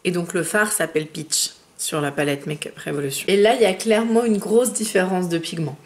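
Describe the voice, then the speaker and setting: Chatty woman reviewing makeup. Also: on the low side. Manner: chatty, fillers, slows down when naming shades. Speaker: beauty vlogger.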